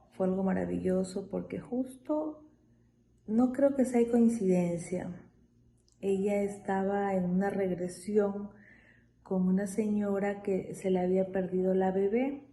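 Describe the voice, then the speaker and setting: Soft-spoken Ecuadorian mother, slow and gravelly. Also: mid-range voice, a little hiss or hum, rough recording. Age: 30s. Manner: slow, soft, often breathy whisper. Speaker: mother giving a testimony. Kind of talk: personal testimony.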